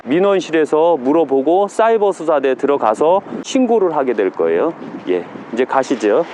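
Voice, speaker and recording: A man in a casual vlog, lecturing and scolding commenters in a preachy way, sometimes dropping to a deliberately low register. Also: sing-song, mellow, slight background noise. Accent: regional Korean dialect, usually. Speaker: YouTuber pharmacist-mystic. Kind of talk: casual vlog talk to camera. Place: outdoors and inside a police station.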